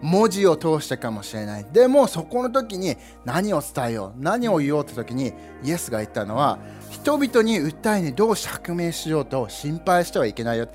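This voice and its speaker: Young guy pastor preaching, high voice that jumps all over, soft music under it. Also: moderate pace, few pauses. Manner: animated, playful, with sound effects and asides to the congregation. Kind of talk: lively sermon.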